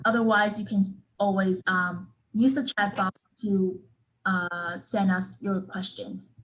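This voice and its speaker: A woman's voice: medium pitch, poor audio. Young woman, student moderator of an online session, courteous and slightly scripted. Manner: polite, scripted introductions, frequent likes and ums. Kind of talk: hosting a Q and A on a video call. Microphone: video call.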